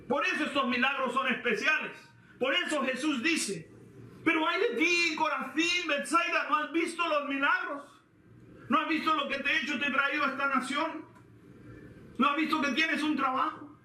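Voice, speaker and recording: A man from eastern Cuba with a Cuban accent, preaching a sermon as pastor, asking his listeners questions and swinging between loud and hushed passages. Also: very high voice, fairly even intonation, normal speed, slight background noise. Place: church hall. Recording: echoey church hall, distant mic.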